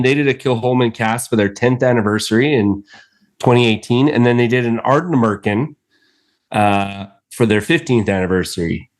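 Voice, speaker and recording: A man co-hosting a casual podcast, talking in an enthusiastic, rambling way with many fillers and restarts. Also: mid-range voice. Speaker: podcast co-host. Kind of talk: casual chat.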